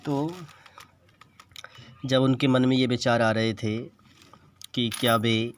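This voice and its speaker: A man's voice: mid-range voice, no room sound. A man teaching an English lesson, reading English lines in an Indian accent and explaining each word patiently. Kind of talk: bilingual classroom lesson explaining an English text.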